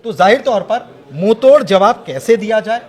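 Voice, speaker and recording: A man analysing news in a studio discussion, emphatic and explanatory, often pausing to hesitate. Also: high-pitched, expressive.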